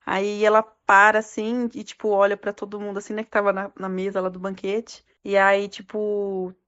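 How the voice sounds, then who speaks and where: A woman gives a personal testimony of a religious vision, halting and filling her talk with fillers and restarts. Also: medium pitch, monotone, a bit bright, clean tone. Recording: dull lo-fi recording.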